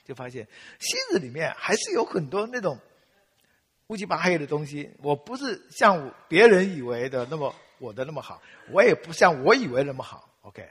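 A man's voice: a little high, big pitch swings, moderate pace, fairly bright tone, slightly rough, big-room sound. An older man from Taiwan preaching, telling his own story with self-mocking humor and acting out his past prayers. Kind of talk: sermon with personal testimony.

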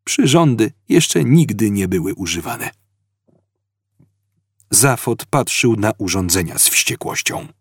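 Male audiobook narrator, expressive and dramatic, husky, dry close sound. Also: fairly low pitch, slow pace, pauses often, dry recording.

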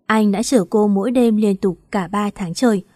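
A woman narrating a romance audiobook in an emotive storytelling manner. Her voice sits at a middle pitch. The sound is dry and close. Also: moderate pace, a little mellow, dry recording.

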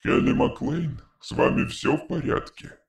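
A man's voice: a little high, moderate pace, vocal fry, pitched above the performer's own voice. A man voicing an alien who speaks through a metallic translator machine, in an audiobook reading. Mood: calm. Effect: distant metallic machine voice.

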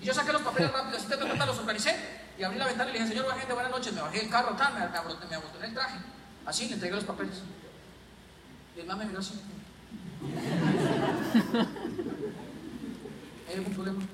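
A man giving an animated motivational seminar talk full of stories and jokes to a live audience. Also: high voice, brisk, long pauses. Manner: animated, storytelling, jokes with the crowd. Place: large hall with an audience. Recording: echoey hall, distant mic, crowd and noise.

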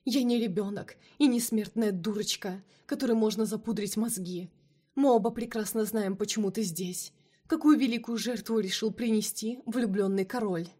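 A woman voicing a jealous, fiery female vampire who shouts and hisses her accusations, in a storybook reading. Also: medium pitch, moderate pace, breathy edge, close to an everyday voice. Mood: furious.

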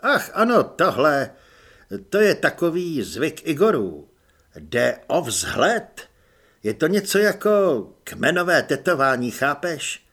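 A smug young vampire recruit with an air of lofty superiority, as a male audiobook narrator puts him on. His voice sits higher and louder than the narration and bounces lively through a bright, breathy tone. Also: exaggerated voice.

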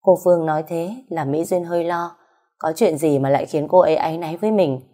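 A woman narrating an audiobook story in a steady, even way. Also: low voice, fast talker.

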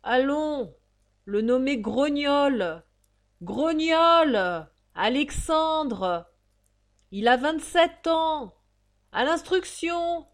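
A woman reading an audiobook, voicing a male convict who calls out prisoners' names in a loud, drawn-out shout. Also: sits high, animated, pitched above the performer's own voice, full character voice. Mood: bellowing.

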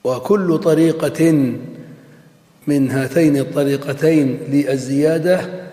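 A man delivers a classroom lecture in a raised, mellow voice. He works methodically, putting questions to the class and answering them himself. The sound rings with the long reverb of a large hall. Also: on the high side, fairly even intonation, unhurried. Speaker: sheikh teaching grammar.

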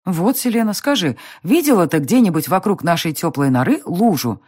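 A busy motherly housekeeper who chatters and grumbles fondly about a naughty child, as a woman reading the audiobook puts her on. She sits a little higher than the narration, with a lively, lilting tone. It is a storybook telling. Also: normal speed, breathy edge, no room sound, clean studio sound. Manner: chatty, mock-complaining. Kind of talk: audiobook character voice.

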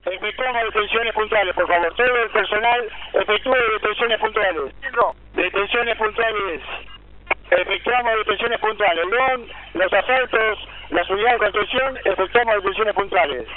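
A police commander, heard over a police radio transmission, giving short orders again and again. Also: male voice, sits high, moderate pace. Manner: issues repeated terse orders. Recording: crackly tinny police radio with heavy static.

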